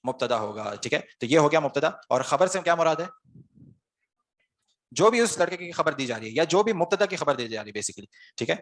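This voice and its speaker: Male online class teacher, slightly high-pitched, patient step-by-step grammar explanation, keeps quizzing the students. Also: big pitch swings, hardly any pauses, a bit bright. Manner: explains step by step, asks students questions and answers them himself.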